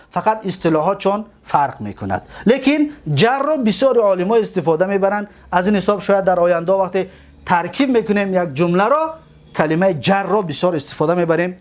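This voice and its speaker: A man with a Tajik accent and a voice that sits high teaches grammar in a classroom lecture. He poses questions and answers them himself, drawing out his examples slowly.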